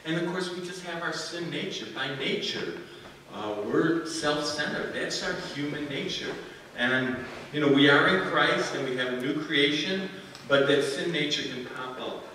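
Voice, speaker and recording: A man's voice: a little high, normal speed, sharp tone, slight background noise. An older man preaching a sermon as a guest speaker, telling folksy stories with frequent restarts. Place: church sanctuary. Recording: distant echoey church hall.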